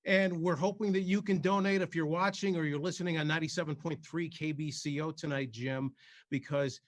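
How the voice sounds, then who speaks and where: A man's voice: a little high, fairly even intonation, fairly quick, no echo. A man hosting a live benefit broadcast, announcing the lineup in a polished way. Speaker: broadcast host.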